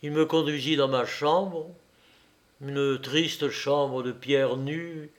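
Slow, measured man reading a story. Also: fairly high pitch, steady tone. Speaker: narrator.

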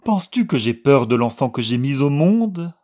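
A shrill, feverish old woman, a grieving mother on the edge of madness, as a male reader puts her on. Her voice climbs high and pleads loudly, with a husky grain under it. It is an audiobook reading. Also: sing-song, normal speed. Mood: commanding.

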